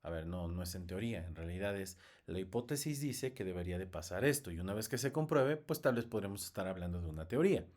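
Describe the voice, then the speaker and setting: A man's voice: deep voice, animated, fast, hardly any pauses, a little mellow. A man teaching research methods in a recorded lecture, explaining step by step with frequent fillers and restarts.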